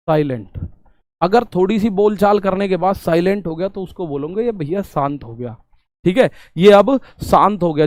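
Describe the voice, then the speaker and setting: A man's voice: high-pitched, no room sound. A man teaching a math class to exam students, talking casually, repeating questions back to them and explaining with everyday examples. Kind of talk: online exam-prep class.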